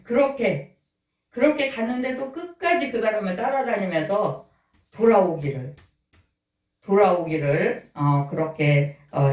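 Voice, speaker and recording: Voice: medium pitch, vocal fry, darkish tone, far from the mic, dull audio. A pastor in their sixties preaches in a folksy, chatty way, throwing questions out to the congregation. The voice sits in the middle of the range and sounds set back from the microphone. A roomy church echo hangs around every phrase. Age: 60s. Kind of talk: conversational sermon. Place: church sanctuary.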